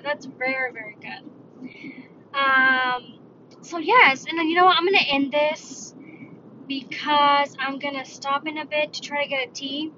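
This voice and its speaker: A bright, high-voiced woman talks on her own in a loose, rambling way, often stopping to correct herself mid-sentence. She sounds like she is recording from her car. The audio is dull and lo-fi, with a faint hiss of noise behind her. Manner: rambling, self-correcting, chatty. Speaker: podcast host. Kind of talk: casual solo talk.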